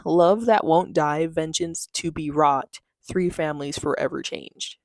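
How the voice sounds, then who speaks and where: A woman's voice: lowish voice, a little mellow, no echo, studio quality. A young woman chatting casually about a book haul in a bubbly, gushing, giggly way. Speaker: book vlogger.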